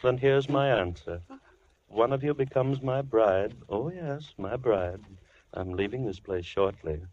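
An actor playing a soft-spoken, coldly polite madman in a 1940s radio drama. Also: mid-range voice, animated, close to an everyday voice. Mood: menacing. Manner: slow, silky, coldly polite. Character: menacing soft-spoken male madman, middle-aged. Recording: muffled 1940s radio recording with hiss.

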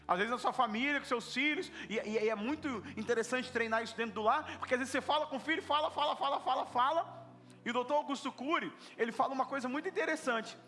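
A male pastor preaching an animated sermon, repeating words for emphasis and acting out little dialogues. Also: very high-pitched, quick pace. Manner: animated, repetitive, acts out dialogues.

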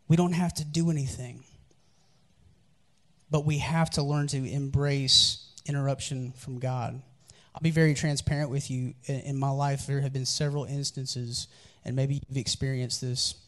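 A man preaching a sermon as pastor, telling candid personal stories in a conversational, earnest way. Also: medium pitch.

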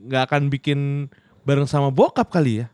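A man's voice: mid-range voice, normal speed, a little mellow, smooth, dry recording, studio quality. A man, chatting casually, joking and swearing freely. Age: 30s. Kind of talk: casual podcast chat.

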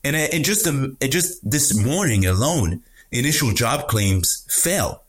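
Man, medium pitch, podcast economic commentary, halting delivery, repeated phrases, emphatic tag questions. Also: sing-song, husky.

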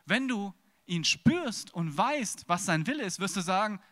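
Man, preacher, sermon on stage, high voice, dramatic loud-to-hushed swings. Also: very animated, measured pace. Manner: plays out casual dialogues with God.

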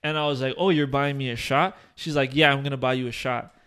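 A young man hosting a podcast, telling a long story in animated bursts, swearing and restarting his sentences, full of fillers. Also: medium pitch, fast talker, smooth. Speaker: podcast host. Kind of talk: casual chat.

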